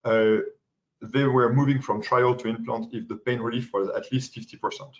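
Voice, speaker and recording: French-accented man giving a halting webinar lecture. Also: mid-range voice, steady tone. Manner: halting, many fillers and restarts. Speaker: pain medicine fellow presenting. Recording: dull lo-fi webinar audio.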